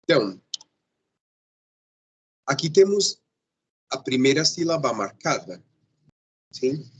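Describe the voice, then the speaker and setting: Male teacher, unhurried, slightly husky; patient explainer who keeps checking in with the class. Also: mid-range voice, big pitch swings, rough recording. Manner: patient, checks in often with a questioning "sim?". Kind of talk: grammar lesson.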